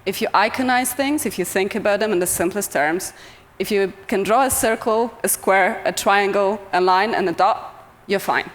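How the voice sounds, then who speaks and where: Her Polish accent clear, a young woman from Poland addresses a conference audience through a microphone at normal speed and medium pitch. She comes across as cheerful and self-deprecating with frequent laughter, her voice echoing with the hall's long reverb.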